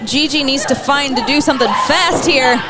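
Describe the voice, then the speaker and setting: A woman's voice: high-pitched, normal speed, heavy background noise. A woman working as a wrestling commentator, giving reactive color commentary on the action. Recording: loud music and crowd behind. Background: wrestling crowd and music.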